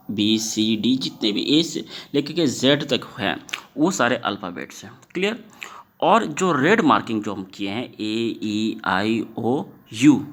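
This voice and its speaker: A man's voice: medium pitch, fairly bright tone. A man who teaches students in a classroom-style lesson, often putting questions to the class and stretching words to stress their sounds.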